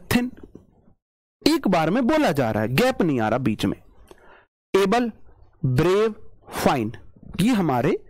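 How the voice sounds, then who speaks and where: A male English teacher, his pitch rising and falling animatedly as he explains. His voice sits a touch high, and the recording is dry and close. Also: darkish tone, no room sound. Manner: explains by repeating, drawn-out word demonstrations; chatty, teasing asides to students. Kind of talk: online class lecture.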